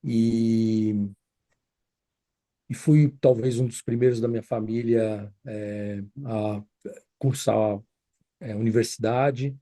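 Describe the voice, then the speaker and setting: A man's voice: on the low side, fairly even intonation, takes it slowly, long pauses, warm tone, dry recording. A man, a consultant answering interview questions thoughtfully, with many fillers and restarts. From Brazil. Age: 50s. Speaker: guest, consultant.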